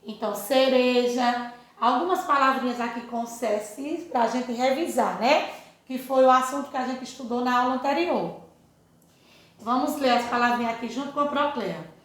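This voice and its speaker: A woman with a Brazilian Portuguese accent teaching a first-grade phonics lesson, drilling syllables in a slow sing-song and checking in often with the children. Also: high voice, a bit bright. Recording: very echoey room.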